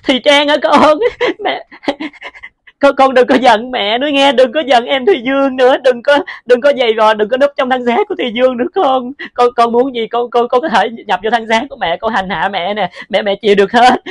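A woman playing a grieving mother who pleads for forgiveness, speaking in a halting voice and repeating her words. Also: fairly high pitch, no echo, clean studio sound. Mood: pleading.

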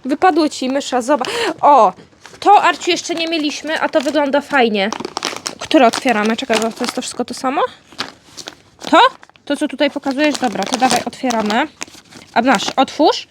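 A dog owner and vlogger talks to her dog at normal speed in a high-sitting voice, with background noise present. Indoors, she's opening his birthday gifts and sweetly coaxing him in casual pet-talk.

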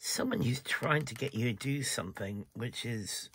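A man's voice: medium pitch, moderate pace, fairly bright tone, husky, no room sound. A man giving a casual tarot reading, chatty, sometimes dropping to a whisper and apologizing for yawning. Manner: chatty, breaks off to yawn and apologize. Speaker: tarot reader.

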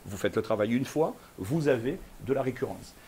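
A man giving a fast, lively conference keynote, talking straight to the audience with frequent questions. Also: mid-range voice, a little hiss or hum. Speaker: keynote speaker. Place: conference room before an audience.

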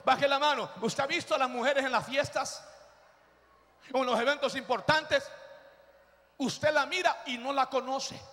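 A man preaching an Easter sermon, telling humorous stories and shouting for the congregation to repeat after him. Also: very high-pitched, steady tone, measured pace, long pauses. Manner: shouting exhortations, leading the congregation to repeat phrases; humorous storytelling. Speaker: pastor. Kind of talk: lively Easter sermon with call-and-response. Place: church hall. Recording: live church recording with long reverb.

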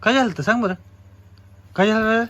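A young man speaks, and his voice sits high and bright. He coaxes gently, asking the same questions over and over. It is casual home-vlog talk. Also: a little fast, lo-fi sound. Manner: gently coaxing, asks again and again. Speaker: husband and vlogger.

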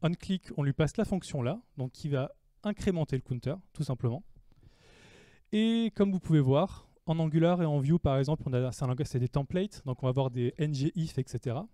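Dark-voiced French tech speaker explaining code. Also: male voice, on the high side, a little fast, no room sound. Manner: explanatory, asks and answers his own questions. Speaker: conference speaker. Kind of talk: technical talk on stage. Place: meetup room before an audience.

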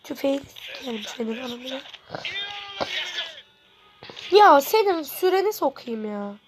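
A woman commenting live on her gameplay as a gaming channel host, excitable and frustrated, swearing constantly at the game. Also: high voice, moderate pace, music in the background.

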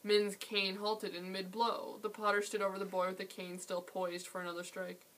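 A woman hosting a library read-aloud, reading a children's chapter book in a steady storytelling manner. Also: medium pitch, normal speed, rough recording.

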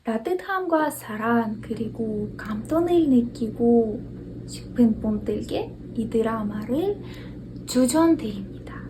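A woman's voice: a little high, animated, slow, background noise. A young woman from Ukraine with a Ukrainian accent delivers a prepared contest speech in a formal, careful, phrase-by-phrase way.

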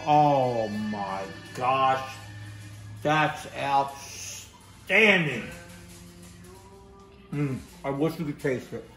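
A man in his fifties films a casual cooking vlog on his phone, drawing out his words and leaving long pauses in a bright, medium-pitched voice over faint music. He cooks in his home kitchen and then at a grill on his outdoor deck, enthusing about fresh ingredients, tasting and sniffing, and repeating his catchphrases.

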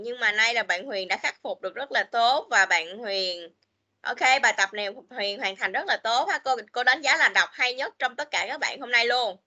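Casting: woman, children's teacher on a video call, bright, slightly high voice, chatty. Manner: chatty, repeats "rồi", mixes English words into Vietnamese. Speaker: English teacher. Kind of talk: online class teaching children.

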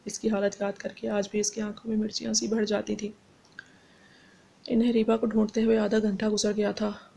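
A woman narrating a romance novel in a steady storytelling voice. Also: medium pitch, creaky, slightly rough. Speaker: audiobook narrator. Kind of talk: novel reading.

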